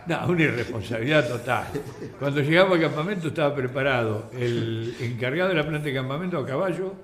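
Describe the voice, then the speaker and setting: An older man with an Argentine accent, a radio guest telling anecdotes in a lively way and acting out the voices in his stories. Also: mid-range voice, fast talker. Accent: Argentine Spanish. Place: radio studio. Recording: roomy radio studio with faint music.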